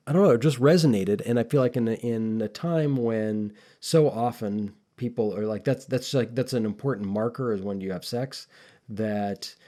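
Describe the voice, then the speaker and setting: A man's voice: lowish voice, darkish tone. A man co-hosting a podcast, talking casually and thoughtfully, rambling with frequent restarts. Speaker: podcast co-host.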